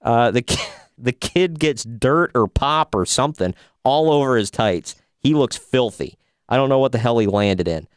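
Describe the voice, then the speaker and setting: A man's voice: medium pitch, expressive, moderate pace, clear, resonant tone, no echo. A man co-hosting a podcast, giving a sarcastic, rambling recap in casual chat. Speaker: podcast co-host.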